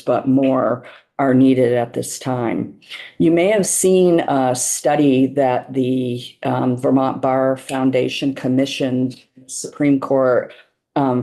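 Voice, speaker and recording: A woman testifying before a legislative committee, measured and full of "um" pauses, speaking around a cough drop. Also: extremely low pitch, dark tone. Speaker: witness testifying.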